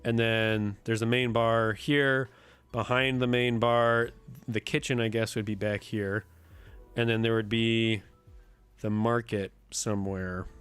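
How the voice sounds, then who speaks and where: A man with a rough, sick voice that sits on the low side. He talks at an unhurried, drawn-out pace, thinking aloud and counting quietly as he works. Soft music plays faintly behind his casual stream chatter. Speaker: streamer and host. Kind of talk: casual live-stream chat while building a map.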